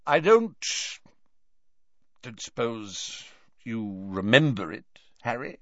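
A man voicing a pompous, tipsy, weepy old male potions master in a storybook reading, with a high, warbling, fluttery voice that drops to a hush when he is upset. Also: sing-song, slow pace, no echo, highs cut off, full character voice. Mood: flustered. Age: older.

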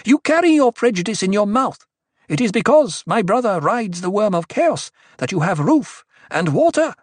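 Here an audiobook narrator takes on a fierce young prophetess, slowly intoning cryptic, commanding words to a crowd in a ritual manner that turns sharp and angry. The voice is medium-pitched and pushed up, with no echo.

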